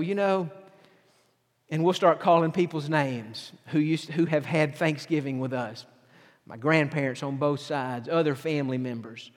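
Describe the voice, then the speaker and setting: High-pitched pastor preaching. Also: male voice. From southern United States. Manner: earnest, repeats phrases for emphasis. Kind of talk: sermon. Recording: long hall reverb.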